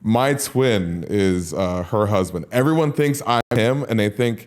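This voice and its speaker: A man with a fairly low voice hosts a casual podcast chat. He jokes freely and speaks halting Vietnamese, often slipping into English. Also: expressive. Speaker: podcast host.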